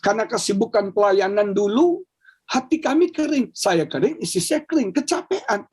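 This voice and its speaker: A male pastor preaching a lively sermon over a video call, often asking the congregation whether they agree. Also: high-pitched, moderate pace, husky.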